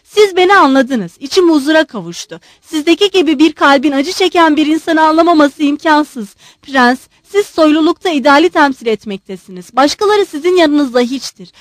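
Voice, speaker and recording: A woman's voice: high-pitched, expressive, no room sound, studio quality. A woman reading the part of an agitated, effusive old male general who pleads and bursts out emotionally. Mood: fervent. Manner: pleading, emotional, rushing outbursts.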